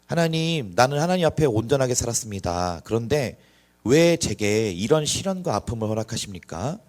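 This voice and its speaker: Job, an anguished and righteous man, pleads earnestly with God in a low, heartfelt voice, as a pastor puts him on in a sermon. The delivery is sincere and searching. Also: lively intonation, moderate pace. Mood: pleading.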